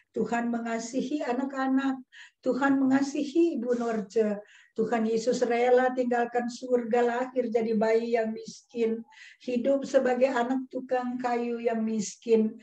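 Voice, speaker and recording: A woman's voice: on the high side, a little mellow. Woman teacher preaching to kindergarteners in an echoey room. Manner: storytelling, speaks to children, acts out quoted voices. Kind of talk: children's sermon. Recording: dull, echoey room sound.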